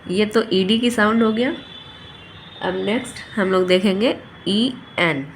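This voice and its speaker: A woman teaches phonics at an unhurried pace, sounding out every letter with care. Her voice sits in a middle pitch, and a faint hum of background noise runs underneath. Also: vocal fry. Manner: slow, patient, sounds out each letter. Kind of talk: phonics lesson for parents and children.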